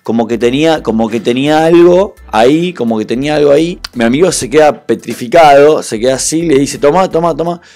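A man's voice: mid-range voice, fairly quick, few pauses, a little mellow. A young Argentine man with a Rioplatense accent, hosting a reaction video and telling personal stories in a slangy, impassioned, emphatic way. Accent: Rioplatense Spanish. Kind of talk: reaction commentary and personal storytelling.

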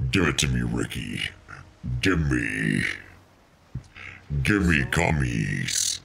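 Demonic layered voice effect, deep growling satan, very slow, gravelly. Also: male voice, lively intonation, fairly bright tone, heavily acted. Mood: playful menace. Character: man as Satan, growling for gummies. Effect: deep demonic voice changer filter. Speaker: game streamer.

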